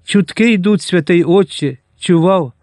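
Літній обозний, якого читає чоловік, говорить обережно й розважливо, трохи вищим тоном. Звук сухий і чистий. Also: male voice, sits high, measured pace, a little mellow, no echo, studio quality, voice pushed up. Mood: cautious. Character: older male army quartermaster, cautious and measured.

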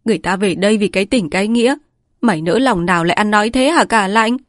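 A woman's voice: mid-range voice, fast talker, no echo, studio quality, pitched above the performer's own voice, lightly acted. A woman voicing a grieving old village woman who scolds and pleads. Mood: pleading.

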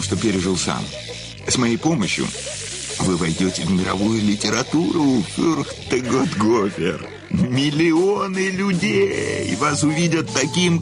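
In a theatrical radio drama, a male actor with a lowish voice plays a menacing, self-satisfied famous writer. He speaks in a mocking, theatrical way, full of hesitant hums and pauses.

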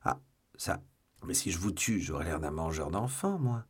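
A man voicing a dignified, wounded musketeer in an audiobook, speaking calmly and quietly with courtly restraint. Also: low-pitched, moderate pace, slightly rough. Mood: calm, grave.

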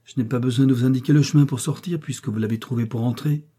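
A man's voice: medium pitch, steady tone, fast talker, mellow, husky, close to an everyday voice. A man doing a sneering defiant villain. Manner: contemptuous, sneering.

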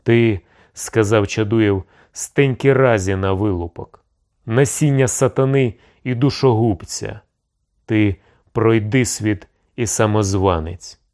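A man's voice: fairly low pitch, takes it slowly, a little mellow. A man voicing a suspicious, scornful male envoy in an audiobook, speaking warily and cursing. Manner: wary, cursing. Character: suspicious older male envoy behind a door.

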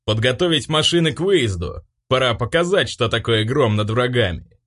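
Audiobook: man doing a booming old clan patriarch, commanding. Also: animated, normal speed, a bit bright. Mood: stern. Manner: booming, authoritative. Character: stern old aristocrat grandfather, clan head.

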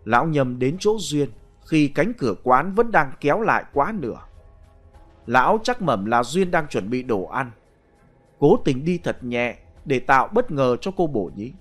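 A man tells a ghost story in a dramatic, expressive way. His voice sits a little high and rises and falls a great deal. Soft background music plays beneath the narration.

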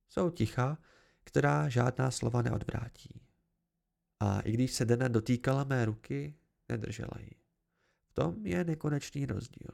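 A man's voice: medium pitch, vocal fry, darkish tone. A man giving an amateur first-person novel narration, reading expressively. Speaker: audiobook reader.

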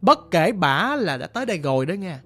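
A storyteller with a Southern Vietnamese accent telling a ghost story in a lively, conversational, dramatic way, over faint music. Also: mid-range voice, fairly quick.

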